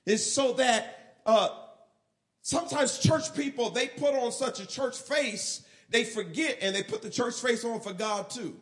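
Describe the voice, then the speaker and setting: A male pastor preaching a sermon, shifting from quiet, low asides to shouted and half-sung lines. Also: unhurried.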